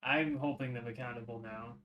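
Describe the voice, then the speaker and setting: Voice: medium pitch, fairly even intonation, a little fast, muffled recording. A streamer chatting and joking casually while starting a game stream. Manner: joking, teasing. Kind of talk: casual chat while gaming.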